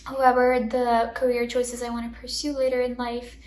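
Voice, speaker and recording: A woman's voice: on the high side, completely flat delivery, moderate pace, darkish tone. An eighteen-year-old woman from India, a college student, introducing herself with frequent ums. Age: young adult. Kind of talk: personal introduction. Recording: roomy, distant mic with faint noise.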